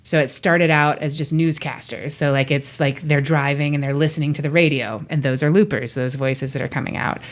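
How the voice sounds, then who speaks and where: A woman guest telling stories in a lively way and acting out the quotes she tells. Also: low-pitched, a little fast, hardly any pauses. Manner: animated storytelling, acts out quotes. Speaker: guest, voice actor. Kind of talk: casual interview chat.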